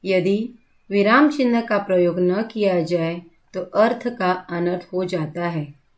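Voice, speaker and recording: A woman teacher giving a grammar lesson to schoolchildren, speaking clearly and explaining each example step by step. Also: fairly low pitch. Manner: slow, clear, explanatory, repeats example sentences.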